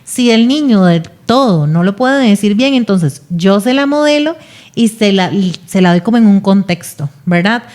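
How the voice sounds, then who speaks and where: A woman's voice: mid-range voice, lively intonation, moderate pace, a little mellow. A woman speaking as a speech therapist guest on a podcast, explaining patiently and often checking in with "¿verdad?".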